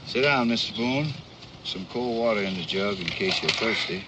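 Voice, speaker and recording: A man's voice: on the low side, lively intonation, normal speed, noisy background, close to an everyday voice. An actor playing a modest, polite strongman with folksy rural phrasing in a TV western. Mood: humble, amiable. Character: humble, gentle strongman and former slave. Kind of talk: 1960s television western acting. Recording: dull old TV soundtrack.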